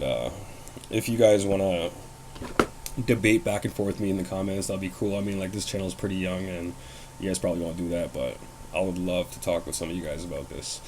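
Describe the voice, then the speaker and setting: A man's voice: sits low, a little mellow, a little hiss or hum, rough recording. A young man hosting his own show, talking casually and bluntly about wrestling, rambling with fillers and swearing. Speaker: host. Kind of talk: casual wrestling commentary vlog.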